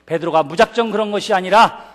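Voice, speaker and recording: A man's voice: high-pitched, fast talker. A male pastor preaching a sermon at a church service, emphatic and putting rhetorical questions to the congregation.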